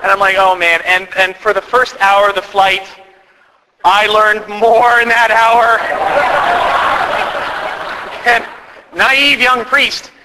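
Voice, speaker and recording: A man's voice: high voice, flat delivery, takes it slowly, long reverb tail, very noisy. A man who is a priest, telling a chatty, self-deprecating comedy story to a live audience and acting out the quotes. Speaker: priest doing stand-up comedy. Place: parish hall with live audience.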